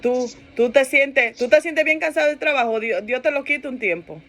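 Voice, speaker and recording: High-voiced woman pastor preaching animatedly. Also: moderate pace. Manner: animated preaching, laughs and acts out quoted complaints; repeats phrases for emphasis, asks listeners "¿verdad?". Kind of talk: sermon.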